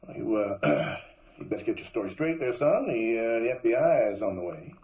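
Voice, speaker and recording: An actor playing a stubborn small-town police captain who talks in a drawling, homespun way. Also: male voice, medium pitch, sing-song, normal speed, darkish tone, close to an everyday voice. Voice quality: drawling, homespun turns of phrase.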